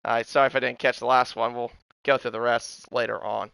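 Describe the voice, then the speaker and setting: A man's voice: medium pitch, level tone, a little fast, creaky, a bit bright, clear, resonant tone, no room sound. A man giving live play-by-play motorsport commentary on an online race, often correcting himself as he goes. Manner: hesitant asides, self-correcting, exclaims at incidents.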